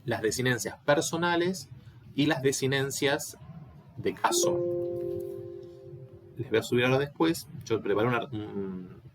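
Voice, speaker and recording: A man's voice: medium pitch, unhurried, long pauses, over music. A man giving an online Latin class, explaining step by step and often checking that students follow. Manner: patient, explanatory, asks checking questions. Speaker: Latin teacher.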